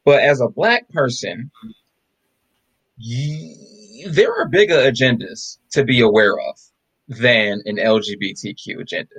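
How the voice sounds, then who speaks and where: A man's voice: mid-range voice, animated, a little slow, fairly bright tone, slightly rough, dry recording, rough recording. A man co-hosting a podcast, arguing emphatically with rhetorical questions in a casual discussion. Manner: emphatic, rhetorical, repeats "bro" and "right?". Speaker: podcast co-host.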